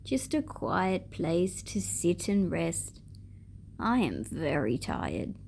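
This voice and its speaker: A woman playing a tired, frail old man in a storybook, speaking very slowly with a weary creak. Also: lowish voice, huge pitch swings, a little mellow, slight background noise, voice pushed down, exaggerated voice. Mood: tired, resigned. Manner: very slow, weary. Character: tired frail old man, once a boy, self-absorbed.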